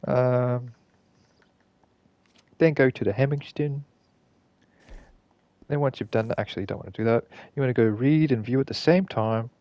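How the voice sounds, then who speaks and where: A man's voice: medium pitch, moderate pace, pauses often, no room sound, muffled recording. A man streaming a game and explaining a glitch in casual gameplay commentary, rambling and correcting himself and swearing casually. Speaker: gaming streamer.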